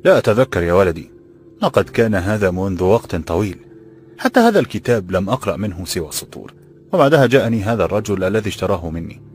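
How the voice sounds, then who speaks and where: A man voicing a calm, kind old bookseller who speaks formal classical Arabic, in a slightly raised voice. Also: lowish voice, fast talker, soft background music.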